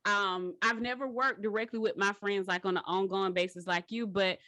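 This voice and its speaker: Woman host, bright and expressive, dry close mic. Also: mid-range voice, normal speed, no echo. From Georgia, US. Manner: animated, laughing storyteller. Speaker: podcast host. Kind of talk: casual chat.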